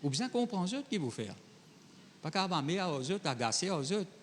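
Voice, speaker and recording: Very animated and high-pitched, this male pastor moves at a moderate pace through a conversational sermon, reading Bible verses before addressing the congregation directly. He blends French with Creole phrasing, and the recording has a big-room sound with slight background noise.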